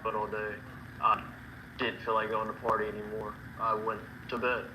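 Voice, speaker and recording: A man recounting a night's events in a halting way, repeating himself and quoting others. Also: lowish voice, completely flat delivery. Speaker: person recounting events in a recorded interview. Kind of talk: recounted testimony. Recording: dull lo-fi clip with background noise.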